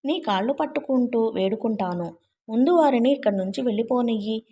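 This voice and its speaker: A woman's voice: fairly high pitch, animated, fairly quick, dark tone, natural voice. A woman reading the tearful, desperate pleas of a frightened young wife in a storybook. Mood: pleading. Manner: desperate pleading. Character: terrified young wife, pleading in tears.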